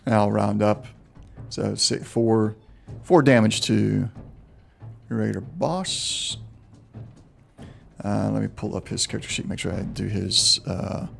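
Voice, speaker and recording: Game master, male, mid-pitched with a gravelly edge, thinks aloud with lots of ums. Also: unhurried, faint music behind. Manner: thinks aloud with frequent ums while checking rules. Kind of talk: running a tabletop game over voice chat.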